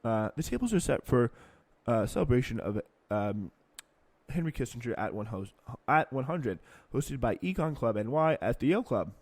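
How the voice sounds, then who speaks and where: A man hosts a political podcast, reading passages aloud and breaking off into sarcastic remarks. His voice sits in an ordinary middle pitch. His loudness swings widely as he reads. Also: expressive, moderate pace, no room sound. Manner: sardonic, sarcastic asides. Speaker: podcast host.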